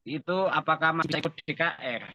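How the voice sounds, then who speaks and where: A man asking a question on an online call, his slow, halting words cut up by a choppy, breaking-up connection. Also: fairly high pitch, steady tone, highs cut off, a loud crowd.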